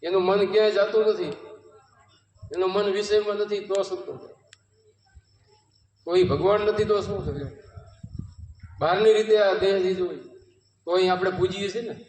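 Man, Gujarati accent, devotional sermon, high voice, distant mic, long reverb. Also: fairly even intonation, moderate pace, long pauses, a little mellow, a little hiss or hum. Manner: storytelling, rhetorical questions, quoting devotional verses. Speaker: satsang preacher. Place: home courtyard gathering.

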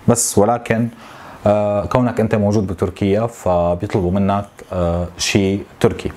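Low, fast-talking frustrated Syrian man venting. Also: a little mellow, slight background noise. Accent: Syrian Arabic. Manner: frustrated, complaining, with halting repetitions. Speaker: tech YouTuber. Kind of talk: venting monologue to camera. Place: small home office, indoors.

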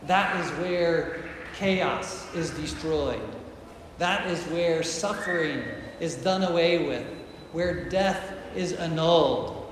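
A man preaching a sermon to a congregation, earnest and emphatic, slowing down to stress key phrases. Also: on the high side, background noise. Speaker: priest. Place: large church with painted walls, congregation present. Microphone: far camera at the back of the church. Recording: very echoey church hall with faint ambience.

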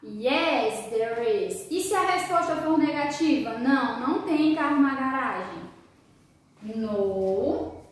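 High-voiced teacher in an echoey room. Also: female voice, lively intonation, slow. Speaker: English teacher. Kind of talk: video lesson explaining grammar.

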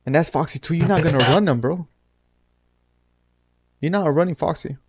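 A man hosting a reaction video, giving casual commentary in an animated, slangy, ranting way. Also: fairly high pitch, normal speed, breathy edge.

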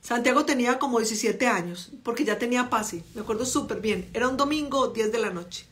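A woman's voice: on the high side, fairly quick, fairly bright tone. A middle-aged woman with a Colombian accent gives a motivational talk, animatedly telling stories and acting out the voices in her quotes. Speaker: personal growth speaker. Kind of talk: motivational talk with personal anecdotes.

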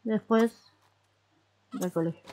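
A woman's voice: mid-range voice, takes it slowly, mellow. Chatty Rioplatense woman coaxing her game characters. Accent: Rioplatense Spanish. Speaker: gaming YouTuber. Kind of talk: casual let's-play commentary.

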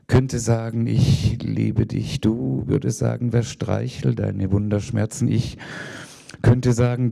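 A man reading his own poem aloud at a literary festival, in a measured, rhythmic recitation. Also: on the low side, vocal fry, warm tone. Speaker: poet reading his work.

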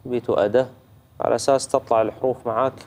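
A man's voice: medium pitch, steady tone, fast talker, a little mellow. A man with a Gulf Arabic accent giving a reciter patient feedback on recitation rules, demonstrating sounds and checking in often. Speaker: Quran recitation judge. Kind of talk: tajweed teaching feedback.

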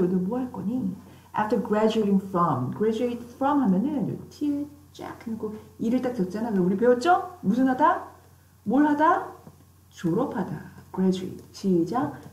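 Woman teacher, fairly high, very animated pitch; call-and-repeat drills, playful with students; echoey classroom. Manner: playful, teasing questions to students. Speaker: English teacher. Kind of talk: classroom English vocabulary lesson.

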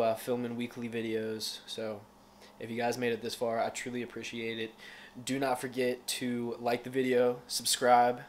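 Casting: young male fitness vlogger, slangy and relaxed, mid-range voice, phone-camera talk. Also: mid-range voice, a little hiss or hum. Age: 20s. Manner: laid-back and slangy, upbeat. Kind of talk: casual vlog talk to camera. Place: car, restaurant and home kitchen.

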